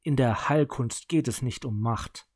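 A man voicing a stern, commanding older woman healer in an audiobook, his voice raised higher and sharper. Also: unhurried, darkish tone, dry recording, studio quality, natural voice.

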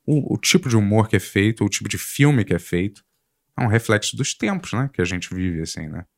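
Homem brasileiro de voz grave e conversa solta. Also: male voice, on the low side, big pitch swings, fairly quick, creaky, no room sound. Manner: chatty, storytelling, trails off softly. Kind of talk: casual chat.

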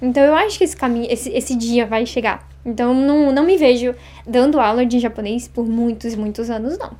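A woman in her thirties from Brazil, chatting as an interview guest, talking fast and acting out little quoted exchanges. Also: fairly high pitch, warm tone. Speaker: interview guest, Japanese teacher. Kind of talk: casual interview chat.

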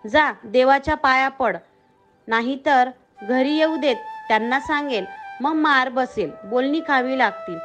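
A woman's voice: sits high, measured pace, a bit bright, faint music behind. A woman voicing a stern but loving village mother who speaks firmly and scolds. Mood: scolding. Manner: firm, scolding.

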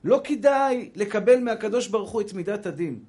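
A high-pitched male rabbi with an Israeli Hebrew accent delivers a lively sermon. He speaks straight to his listeners as brothers and slips into acted-out dialogue to make his points. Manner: animated, acts out quoted dialogue.

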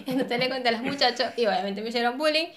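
A woman co-hosting a casual chat, telling animated stories and laughing often. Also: a little high, fast talker, background noise. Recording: roomy echo.

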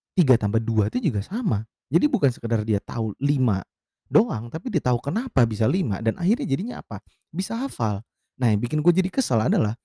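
Man, lively pitch, mellow dark voice, exasperated casual storytelling. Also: breathy edge, no room sound, studio quality. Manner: animated, acts out quotes with raised pitch, exasperated. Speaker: vlogger telling a story.

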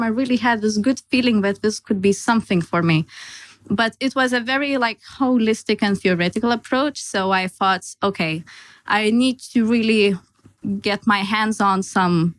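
A woman in her late twenties, originally from Lithuania and a native Lithuanian speaker, telling her career story on a podcast in an animated way. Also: on the high side, no room sound, poor audio. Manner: animated storyteller, acts out her own past thoughts, laughs easily. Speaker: Salesforce consultant, podcast guest. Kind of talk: casual interview storytelling.

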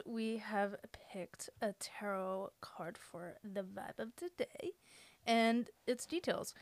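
A relaxed woman co-host who talks through tarot card meanings in an easy, steady flow. Her voice sits fairly high and sounds dry and close. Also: dry recording. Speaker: podcast co-host and tarot reader. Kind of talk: casual podcast chat and tarot reading.

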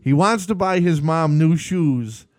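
A man's voice: a little high, lively intonation, measured pace, a little mellow, no echo, clean studio sound. A man hosting a live podcast, telling stories animatedly and laughing often in casual chat. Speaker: podcast host.

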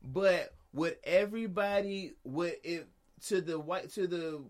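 A man co-hosting a casual discussion podcast, arguing his point in an animated, emphatic way, restarting his sentences and using slang. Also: high voice, unhurried. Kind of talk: casual debate chat.

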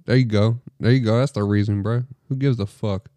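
A young man on a casual podcast throws in blunt, crude remarks, swearing often. His voice sits fairly low and has a dark, mellow tone. The recording is dry and close, with no room echo. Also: fairly even intonation, brisk. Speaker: podcast co-host. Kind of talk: casual chat.

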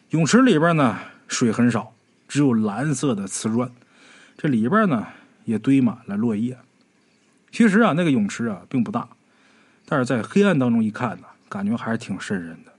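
A man narrating a ghost story in a dramatic, animated storytelling manner. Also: medium pitch, husky.

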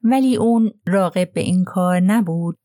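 Polite, probing older detective read by a woman, measured questions, dry close voice. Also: lowish voice, dark tone, dry recording, natural voice.

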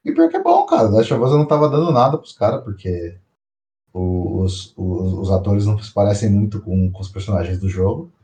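A man co-hosting a podcast in casual chat, slangy and animated, often repeating himself. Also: fairly low pitch, brisk, reverberant. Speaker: podcast co-host.

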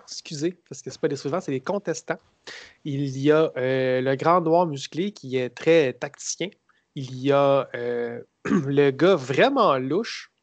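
On a casual film podcast, a male co-host with a Québécois French accent recaps a movie and mocks it with dry sarcasm, rambling and halting as he tells it. His voice is slightly high, and the recording is close and dry, with no room sound.

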